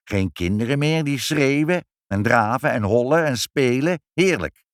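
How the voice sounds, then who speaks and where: A man's voice: medium pitch, animated, a little slow, dry recording, clean studio sound, pitched above the performer's own voice, lightly acted. Een man die een verwaande, zeurderige stadsopzichter speelt in een voorgelezen kinderverhaal. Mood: self-important complaining. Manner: pompous, whiny and indignant. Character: fussy pompous male city official.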